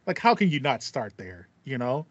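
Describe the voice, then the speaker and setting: Chatting about video games as a podcast co-host, this man in his thirties speaks enthusiastically in a sing-song, medium-pitched voice at a moderate pace, repeating phrases to stress them. He uses a headset on a video call from a small, foam-paneled room at home. The audio is muffled, with no room sound.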